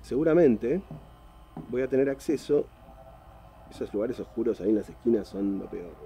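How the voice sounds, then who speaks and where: A man's voice: medium pitch, expressive, normal speed. A young man with a Rioplatense Spanish accent giving jumpy, exclamatory let's play commentary to his viewers. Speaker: VR gaming YouTuber. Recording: voice over loud game music.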